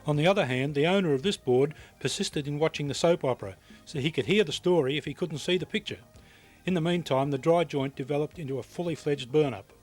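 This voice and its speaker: The narrator, a man with a darkish voice on the high side, speaks fast while reading scripted instruction for a technical training film. His delivery is precise and matter-of-fact, over background music on a VHS tape transfer.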